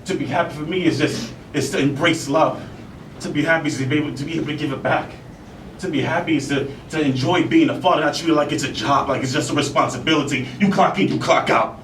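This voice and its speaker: A man voices an embittered bar owner and father, his fairly bright tone close to an everyday voice as he confronts and blames himself with earnest longing. He stops and starts, pounding on repeated phrases. A distant mic picks up room echo and a distinct low rumble.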